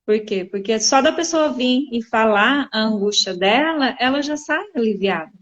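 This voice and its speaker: A woman on a live talk, giving calm, reflective advice in casual conversation. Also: fairly high pitch, normal speed, muffled recording. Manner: reflective, gently advising.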